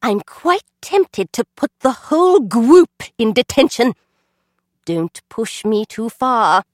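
Woman doing a strict schoolmistress, weedy voice, can't say her R's, shrill and very high, wildly swooping scolds, dry close sound. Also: sing-song, slow, dry recording. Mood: shouting. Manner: snapping, scolding, shouting at the class. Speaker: teacher character in an audiobook. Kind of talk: audiobook character reading.

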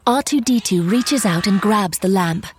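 A woman's voice: mid-range voice, lively intonation, normal speed, heavy background noise. A woman narrating stage directions as scripted narration.

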